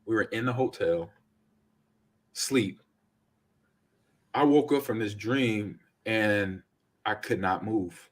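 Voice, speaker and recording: A man in his forties hosting a casual podcast chat, telling stories with lively acted-out quotes. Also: on the low side, slow pace, long pauses. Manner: animated storyteller, acts out quotes. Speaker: podcast host.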